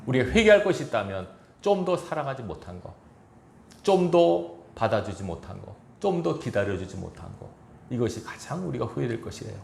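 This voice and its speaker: A man's voice: mid-range voice, big pitch swings, fairly quick, creaky, roomy sound, a little hiss or hum. A man preaching a sermon as pastor of a church, earnest and exhorting, with chuckles and quoted asides. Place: church sanctuary.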